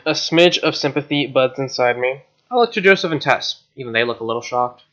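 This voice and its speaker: Bright-voiced man reading game text. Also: mid-range voice, animated, brisk, highs cut off. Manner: wry, joking asides. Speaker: let's player. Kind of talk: reading game narration aloud with asides.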